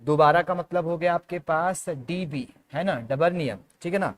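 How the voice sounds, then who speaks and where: A man's voice: a little high, normal speed. A man with an Indian accent teaching chemistry to students, drilling a memory trick with lots of repetition and calling the students "beta". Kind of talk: classroom lecture in Hindi-English mix.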